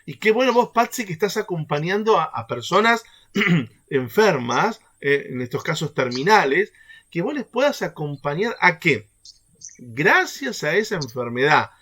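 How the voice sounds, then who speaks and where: Lively man leading a faith workshop. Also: fairly high pitch, measured pace, slightly rough. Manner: animated, keeps checking in with the group through rhetorical questions. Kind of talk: teaching a catechesis workshop.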